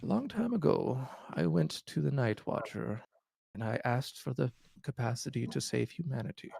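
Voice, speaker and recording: A very old, frail man in a tabletop game, his voice lifted high and wavering. He is a doddering, genteel schemer, weary with age, who speaks haltingly and close to the mic in a dry room. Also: expressive, vocal fry, mellow, breathy edge, no room sound, exaggerated voice. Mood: solemn, confessional.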